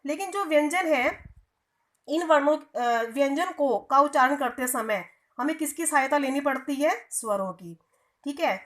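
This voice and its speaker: In an online Hindi grammar lesson, a woman with a high, expressive voice teaches children at a measured pace. She often poses questions and answers them herself, stretching out sounds to demonstrate them.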